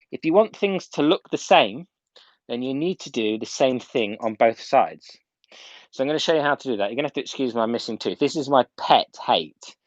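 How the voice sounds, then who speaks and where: A man talks through a practical demonstration in a casual, instructive way, stressing key points by repeating them. His voice sits at a middling pitch. The sound is dry and somewhat dull, like a home live stream. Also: no echo. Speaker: hairdressing instructor. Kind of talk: live video tutorial, casual step-by-step demonstration. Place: indoors at home.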